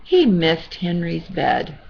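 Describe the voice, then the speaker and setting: Older woman, sweet old lady manner, grandmotherly storybook reading, unhurried, lively intonation, slightly muffled home recording. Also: fairly low pitch, creaky, slight background noise. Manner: expressive, chatty asides to a child. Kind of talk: reading a children's storybook aloud with asides.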